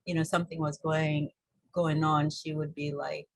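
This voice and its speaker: In an interview, a holistic health coach with a Kenyan accent tells her story in a low, husky voice. She speaks casually and with hesitation, often looping back with "you know," and her pitch barely moves. The recording is close and dry, with no room sound.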